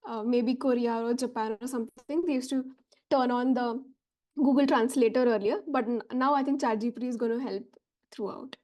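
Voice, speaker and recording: A woman's voice: on the high side, steady tone, fairly quick, darkish tone. A woman host chatting enthusiastically while explaining a tech feature.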